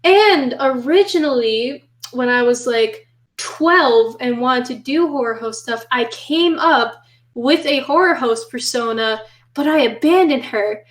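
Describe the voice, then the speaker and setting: A woman's voice: sits high, animated, a little slow. A woman chatting casually and playfully as a guest. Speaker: horror host guest. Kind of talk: casual chat. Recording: roomy, echoing sound.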